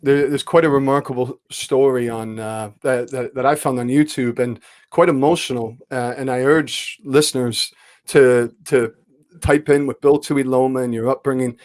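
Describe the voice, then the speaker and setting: A man's voice: medium pitch, fairly even intonation, normal speed, a little mellow. A man hosting a casual podcast interview, asking long winding questions full of restarts. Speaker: podcast host and club announcer.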